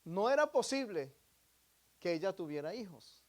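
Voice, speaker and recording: A man preaching a sermon, often asking the congregation questions, shifting between emphatic loud phrases and quiet asides. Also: high-pitched, very animated, normal speed. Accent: Latin American Spanish. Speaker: pastor.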